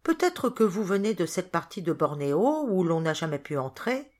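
Woman reader voicing a smug, nosy male innkeeper, animated, audiobook. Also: on the low side, moderate pace. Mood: prying. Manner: smug, prying. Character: chatty, self-satisfied male innkeeper.

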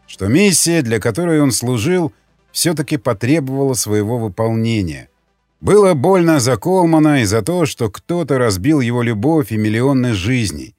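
A man's voice: medium pitch, no echo. A man narrating a dramatic audiobook, voicing every character. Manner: expressive, shifting voices for each character.

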